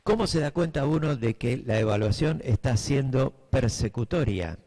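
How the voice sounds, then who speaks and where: A man's voice: medium pitch, expressive, moderate pace, mellow. A middle-aged man with a Buenos Aires accent giving a class to teachers, thinking aloud with fillers and often checking that his listeners follow. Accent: Buenos Aires Spanish. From Buenos Aires, Argentina. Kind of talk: lecture to teachers.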